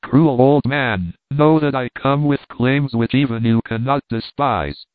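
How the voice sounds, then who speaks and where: A man's voice: mid-range voice, unhurried, no room sound, lightly acted. A man voicing a poetic, lovesick young man who speaks in grand, theatrical declarations in a storybook reading. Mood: dramatic. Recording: dry, tinny phone-like sound.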